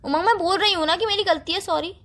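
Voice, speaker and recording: A woman's voice: very high-pitched, fast, a bit bright. A woman playing a hurt, defensive young girlfriend. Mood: frustrated. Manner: defensive, pleading, emotional. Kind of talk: amateur romantic audio drama.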